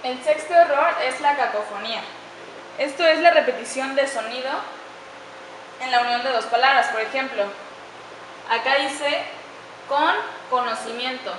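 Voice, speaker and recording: Woman student presenter, bright and fairly high voice, careful explanatory delivery, recorded in a roomy space. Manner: careful, slows down to spell out example sentences. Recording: echoey room with faint background noise.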